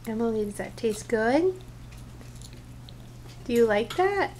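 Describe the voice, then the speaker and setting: A woman speaks very slowly in high, swooping baby talk to a toddler. She coaxes with short, sing-song questions and simple repeated words, over faint background noise. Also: lively intonation, darkish tone. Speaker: parent talking to a toddler. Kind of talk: casual baby talk in a home video.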